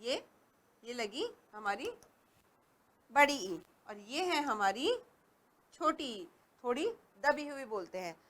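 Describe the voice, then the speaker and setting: A woman teaching a reading lesson to young children, patient and stressing each word clearly. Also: fairly high pitch, expressive, slow pace, long pauses, a bit bright.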